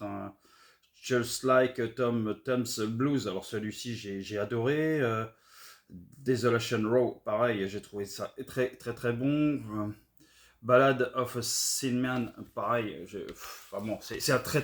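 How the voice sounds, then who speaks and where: A middle-aged man from France chatting casually and hesitantly, with many fillers, about records he found. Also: on the low side. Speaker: record collector vlogger. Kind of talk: casual haul video chat.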